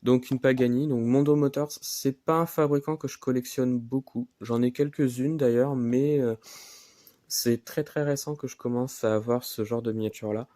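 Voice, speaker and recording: A man presenting his new model cars in a casual vlog, halting and filling pauses often. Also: medium pitch, steady tone, warm tone, no echo, studio quality. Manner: halting, many fillers and "voilà". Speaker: diecast collector vlogger. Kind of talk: casual show-and-tell vlog.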